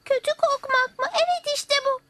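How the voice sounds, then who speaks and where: A woman dubbing a small, brave and stubborn child in a cartoon, with an eager, bright manner. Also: extremely high pitch, moderate pace. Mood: scheming. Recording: dubbed cartoon with loud music.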